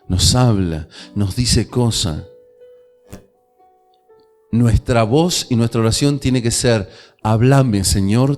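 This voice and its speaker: A man with a Rioplatense Spanish accent, preaching a sermon as pastor, with emphatic delivery, dramatic pauses and quoted prayers. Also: medium pitch, darkish tone.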